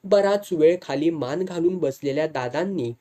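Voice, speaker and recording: Mellow-voiced storyteller narrating a tale. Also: medium pitch, normal speed.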